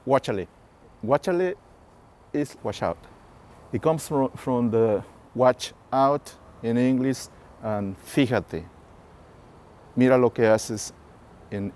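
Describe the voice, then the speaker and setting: A man talks in a documentary interview, slowly and hesitantly, with many fillers. His voice is low and mellow. There is a faint hum of ambience behind him.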